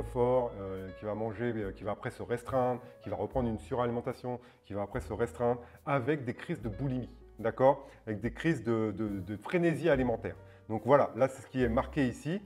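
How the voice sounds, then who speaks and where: A middle-aged man explains things casually to his viewers, his voice at an ordinary pitch. He hesitates often, restarts his sentences and keeps checking that they follow. Faint music plays behind him. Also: a little mellow. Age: 40s. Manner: hesitant, many fillers and restarts, keeps asking "d'accord?". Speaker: fitness channel host. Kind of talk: casual explanatory video talk.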